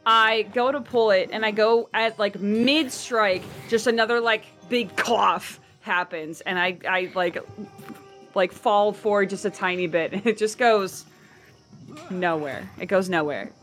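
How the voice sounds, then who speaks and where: Bright giggly woman player. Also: medium pitch, measured pace, faint music behind. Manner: giggly, playful. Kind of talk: playing a tabletop game.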